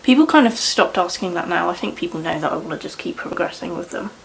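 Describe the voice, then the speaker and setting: A woman's voice: on the low side, expressive, fast talker, gravelly, a little hiss or hum, poor audio. A young woman chatting casually in a rambling way while doing her makeup at home, with lots of fillers. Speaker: beauty vlogger.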